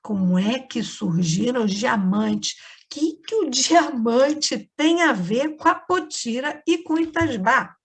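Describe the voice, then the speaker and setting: A woman's voice: on the high side, lively intonation, slow, few pauses, slightly rough. A woman teacher with a Brazilian Portuguese accent, giving a lesson to children and explaining each step patiently. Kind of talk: remote class lesson for children.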